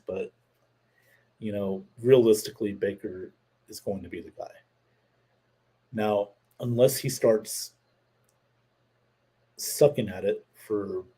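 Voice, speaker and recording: A man's voice: lowish voice, dark tone, husky. A man hosting his own show, giving opinionated, rambling sports talk to a live chat audience. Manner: opinionated, rambling with fillers, reads chat comments aloud. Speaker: host. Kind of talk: casual livestream sports talk.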